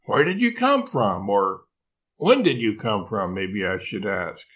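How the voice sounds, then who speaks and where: A man's voice: medium pitch, very animated, unhurried, fairly bright tone. An older man voicing a drowsy, confused male koala who pleads in rising questions in a storybook. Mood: insistent bewildered.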